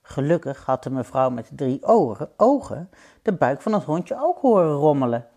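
A woman reading a children's storybook aloud, expressive and gentle, with playful sound effects. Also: low voice, normal speed, breathy edge.

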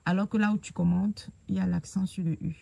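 A woman hosts a casual live stream with a gravelly, fry-edged voice. She talks haltingly, dropping "euh" into the gaps as she hunts through her phone. Her voice sits at a middle pitch and sounds dry, with little room around it. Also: fairly even intonation, dark tone, no echo. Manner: hesitant, fills pauses with "euh" while searching her phone.

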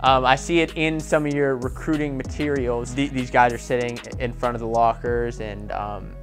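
A man's voice: mid-range voice, steady tone, normal speed, music in the background. Eager man asking tour questions. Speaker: wrestling channel host. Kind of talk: casual interview on a tour. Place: indoor college wrestling facility.

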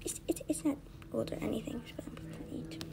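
A woman's voice: low-pitched, sing-song, brisk, vocal fry, background noise. A woman narrating doll play in a home video, rambling and shrugging things off as she goes. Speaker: video creator.

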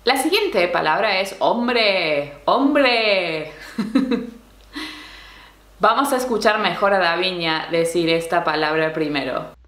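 A woman's voice: on the low side, a bit bright, echoey room. A woman teaching Spanish slang, explaining patiently and checking in with little questions. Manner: explains slowly, keeps asking "¿no?" and "¿sí?". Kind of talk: language lesson explaining slang.

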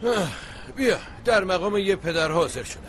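A man's voice: high-pitched, lightly acted. A man dubbing a boastful, grumbling middle-aged father in a TV drama, with street noise behind. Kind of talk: dubbed TV drama.

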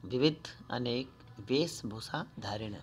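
A male teacher giving a patient school lesson, explaining each word one at a time and reading the verses slowly and more loudly. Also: medium pitch, a little hiss or hum. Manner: reads verses slowly and louder.

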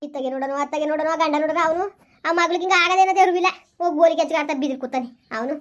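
A woman's voice: high-pitched, rapid-fire, close to an everyday voice. A woman playing a weary, lamenting village mother-in-law. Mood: bitter, despairing. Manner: lamenting, repeats her complaints. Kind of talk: village family drama.

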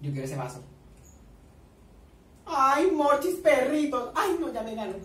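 Shrieking, excitable Colombian coast voice. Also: male voice, very high-pitched, measured pace. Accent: Colombian Caribbean coast. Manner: excitable, swears a lot, shrieks and squeals. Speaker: reaction vlogger. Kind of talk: excited reaction commentary. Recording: echoey room, distant mic, faint noise.

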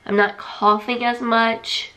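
Chatting to a camera or phone at arm's length from a small home room, a vlogger rambles through her congested speech, full of fillers and restarts. Her voice is slightly high, pushed and bright, slow and barely changing in pitch.

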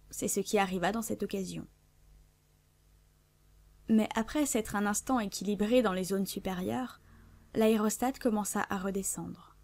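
A woman narrating a classic adventure novel in a measured, clear literary reading. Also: medium pitch, darkish tone. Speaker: audiobook narrator.

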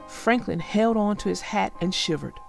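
A woman reading a children's storybook aloud, gentle and expressive. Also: medium pitch, moderate pace, gravelly, soft background music.

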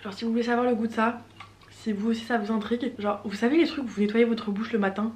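A woman's voice: on the high side, fairly even intonation, fast talker, darkish tone, slight background noise. A teenage girl from France talking casually to camera at home, chatty and slangy with playful asides. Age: teens. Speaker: YouTuber. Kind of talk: casual vlog talk to camera. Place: home, in front of a fireplace.

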